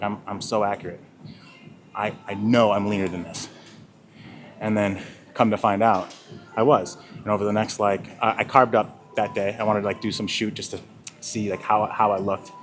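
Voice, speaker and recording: A man's voice: fairly low pitch, flat delivery, moderate pace, noisy background. A man talking casually in a gym vlog while out of breath, rambling and swearing, with lots of sidetracks. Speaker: fitness vlogger. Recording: music playing clearly behind.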